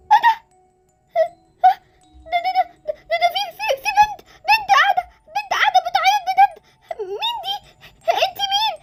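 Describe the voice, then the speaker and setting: A woman voicing a frightened, excitable young girl in a Roblox story drama, with an Egyptian accent, stammering through nervous laughter. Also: very high voice, fast, faint music behind. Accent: Egyptian Arabic. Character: scared excitable young girl, the hero's sister.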